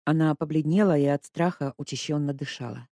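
An audiobook narrator reading a story in a lively, expressive way. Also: medium pitch, brisk, no echo, studio quality. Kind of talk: scripted narration.

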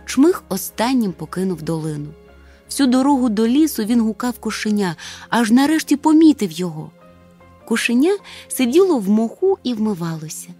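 A woman reads a children's story aloud with lively, expressive narration. Her voice sits fairly high and moves a lot, with faint music underneath. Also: normal speed, breathy edge. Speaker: audiobook narrator.

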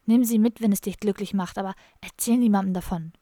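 A woman's voice: mid-range voice, fast, mellow, no room sound, clean studio sound, natural voice. A woman reading an audiobook, voicing an awkward, introverted young man who talks in a raised, whiny, agitated way. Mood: grumbling.

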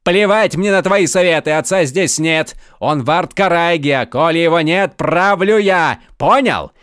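A man voicing a spoiled, hot-tempered young male count who shouts shrilly and orders people about. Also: a little high, big pitch swings, unhurried, no room sound, clean studio sound, pitched above the performer's own voice. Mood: furious.

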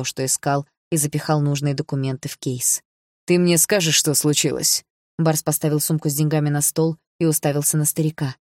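An audiobook narrator reading a story in an even, measured way. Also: medium pitch, no room sound, studio quality. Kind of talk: scripted narration.

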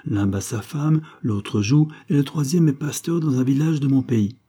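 A man's voice: medium pitch, normal speed, warm tone, husky, pitched above the performer's own voice, natural voice. A man voicing a poised, ironic young foreign woman who teases her suitor. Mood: teasing. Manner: mocking, poised, teasing.

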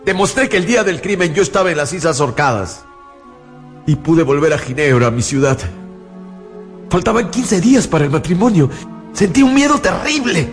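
A man with a slightly high, natural voice speaks at normal speed with lively intonation. He's an actor in a studio radio drama with a music bed, playing an anguished, haunted man recounting his ordeal in theatrical, fearful narration, grave and full of dread, repeating words for emphasis.

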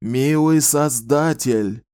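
A man's voice: medium pitch, steady tone, normal speed, warm tone, no room sound, studio quality, pitched above the performer's own voice, close to an everyday voice. An actor playing an impassioned male orator who harangues a crowd, pleading and declaiming. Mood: fervent.

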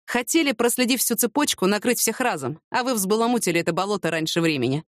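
A woman voicing a calm, matter-of-fact male police officer in a steady, explaining tone. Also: mid-range voice, quick pace, no room sound, studio quality, lightly acted.

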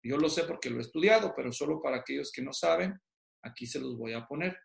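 Male Bible teacher, higher voice, explains step by step and quizzes the room; echoey hall. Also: lively intonation, fast, vocal fry. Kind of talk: Bible study lecture.

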